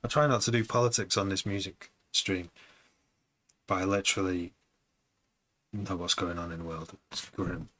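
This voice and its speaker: A man's voice: low-pitched, fairly even intonation, normal speed, pauses often, pushed and bright, poor audio. A man who produces music, chatting casually on a live stream, rambling and hesitant with many restarts.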